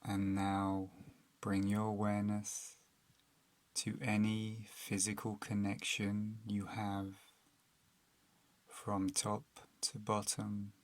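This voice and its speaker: In a fairly low voice, a man guides a meditation, speaking calmly and soothingly at an unhurried pace with long pauses between phrases.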